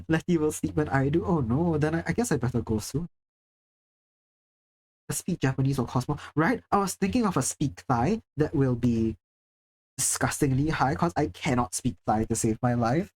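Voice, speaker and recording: This low-quality recording captures a Singapore livestreamer reading chat in a medium-pitched, darkish voice with lively intonation at normal speed. The talk is casual, chatty and self-deprecating, sprinkled with occasional swearing.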